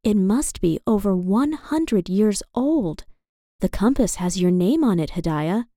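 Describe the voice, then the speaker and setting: A woman voicing a clever, excited young girl in a children's storybook, speaking eagerly, higher and slower than her narration. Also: no room sound, studio quality.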